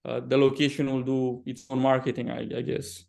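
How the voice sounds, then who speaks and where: Man with a Romanian accent, halting delivery. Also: mid-range voice, level tone, creaky, darkish tone. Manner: halting, often repeats words mid-sentence. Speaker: property developer, podcast guest. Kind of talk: conversational interview answers.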